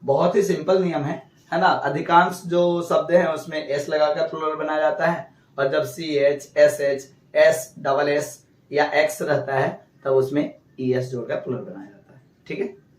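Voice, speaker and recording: A man's voice: fairly high pitch, fairly even intonation, unhurried, echoey room, distant mic, rough recording. A male teacher explaining English grammar rules, asking questions and answering them himself. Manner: repeats rules, asks and answers own questions. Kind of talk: classroom lesson.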